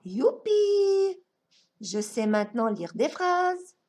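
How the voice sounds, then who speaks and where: Slow, sing-song preschool teacher woman. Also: a little high, sing-song, a little mellow. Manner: sing-song, exaggerated enunciation, stretching out words. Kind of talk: slow, deliberate phonics lesson for young children.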